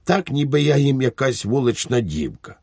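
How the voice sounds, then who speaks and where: A man's voice: medium pitch, sing-song, moderate pace, a little mellow, slightly rough, no room sound, clean studio sound, pitched above the performer's own voice. Man doing a cheerful naive good soldier. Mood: cheerful, polite. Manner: eager, politely naive. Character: cheerful simple-minded good soldier, middle-aged man. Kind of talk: audiobook character voice.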